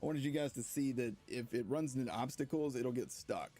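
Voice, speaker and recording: A man streaming gameplay live, excitedly commenting, laughing often and talking to his viewers. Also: medium pitch, brisk, soft background music. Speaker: game streamer.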